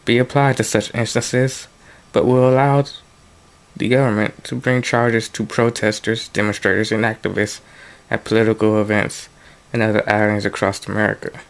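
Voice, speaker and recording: A man reads political news aloud in a low, level voice that barely rises or falls. His tone is smooth and clear. He breaks off into loose, offhand remarks and restarts between the articles. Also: flat delivery, normal speed. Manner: plain reading broken by offhand asides and restarts. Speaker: political commentary vlogger. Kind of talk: reading news articles aloud with casual commentary.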